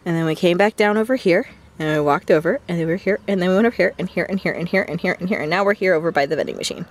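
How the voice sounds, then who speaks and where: A young woman from West Virginia chatting casually and rambling on while filming a walk through a windy garden. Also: fairly low pitch. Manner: rambling, chatty, quick laughs. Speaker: vlogger. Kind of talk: casual walking vlog chat. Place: outdoors in a windy botanical garden.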